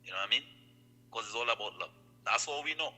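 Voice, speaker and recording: Poor audio and loud background music accompany a fairly low-pitched, expressive voice speaking at a quick pace. The man, from Trinidad and Tobago, is a guest on an online chat, talking casually and earnestly about love and staying positive while repeating his phrases.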